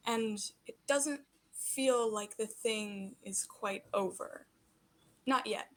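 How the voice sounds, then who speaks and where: Higher-voiced woman narrating a tabletop game. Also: slow, fairly bright tone. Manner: voices the mother and villain in quotes while narrating. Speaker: game master.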